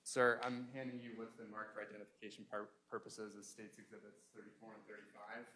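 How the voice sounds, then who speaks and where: A man questioning a witness as a prosecuting attorney in a courtroom, in a formal, procedural and halting way. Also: on the low side, little pitch movement, sharp tone. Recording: noisy courtroom pickup with room ambience.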